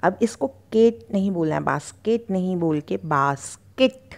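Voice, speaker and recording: A woman teaching English pronunciation, repeating each word slowly and stretching out the sounds. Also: on the low side, expressive, vocal fry. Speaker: spoken English tutor. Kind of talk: slow pronunciation lesson.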